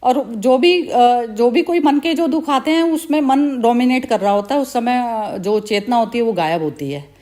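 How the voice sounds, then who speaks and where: A woman's voice: on the high side, normal speed. A woman hosting a spiritual group discussion who laughs often and speaks candidly. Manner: laughs often while talking, relaxed and candid. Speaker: session host.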